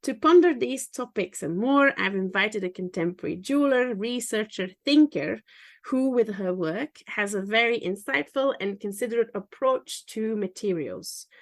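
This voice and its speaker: Woman, interview host, measured, formal, scripted introduction. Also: medium pitch. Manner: measured, formal read-out delivery.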